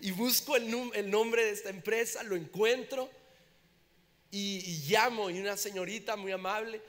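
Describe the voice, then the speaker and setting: A man from Ciudad Juárez preaching a sermon, telling a personal story in an animated way and acting out the people in it. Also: high voice, moderate pace, long reverb tail. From Mexico, Ciudad Juárez. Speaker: pastor.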